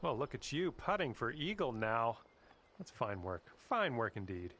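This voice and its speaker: An easygoing golf commentator. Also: male voice, mid-range voice, normal speed, slight background noise. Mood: encouraging. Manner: calm, encouraging, speaks directly to the player. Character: friendly male golf game commentator. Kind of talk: scripted video game golf commentary.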